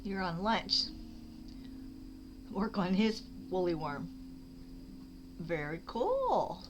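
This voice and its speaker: A woman's voice: on the low side, very animated, very slow, over music, low-quality recording. A woman art streamer chatting casually and expressively on a live stream.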